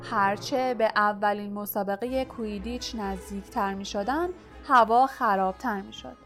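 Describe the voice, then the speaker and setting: A woman reading a novel aloud as a narrator, in a steady, even way. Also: medium pitch, faint music behind. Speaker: audiobook narrator. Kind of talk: scripted storybook narration.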